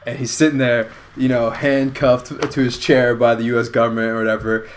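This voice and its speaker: Rambling man pitching a movie idea. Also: flat delivery, fairly quick, a little hiss or hum. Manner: rambling, self-correcting storyteller. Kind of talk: casual comedic chat.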